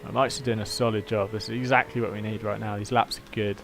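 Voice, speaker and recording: A man's voice: on the low side, little pitch movement, fast, gravelly, soft background music. A man with a British accent in informal, matey livestream chat, giving race updates like a team engineer. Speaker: livestream host and sim racing team engineer.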